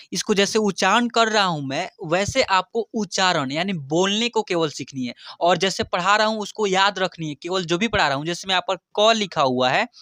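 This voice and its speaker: A man teaching Hindi in an online lesson, loudly sounding out each letter and often repeating stock filler phrases. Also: high-pitched, no room sound, studio quality. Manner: repeats filler phrases, loud drilled syllables.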